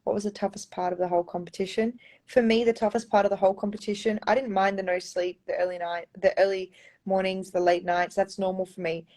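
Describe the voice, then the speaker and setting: A woman's voice: mid-range voice, little pitch movement, fast talker, mellow. Young Australian woman, casual live Q&A into a phone, talkative and loose. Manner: chatty, reads viewer comments aloud, often says um and like. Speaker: pageant contestant answering fans.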